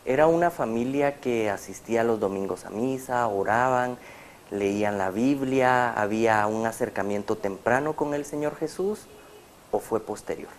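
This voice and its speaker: A man's voice: medium pitch, normal speed. Earnest male host of a faith program. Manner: earnest, preacher-like. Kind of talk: testimony interview.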